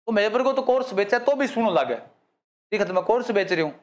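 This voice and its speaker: An exam-prep teacher runs a live online quiz class, praising students by name and joking in dialect. His voice sits high, animated and fast.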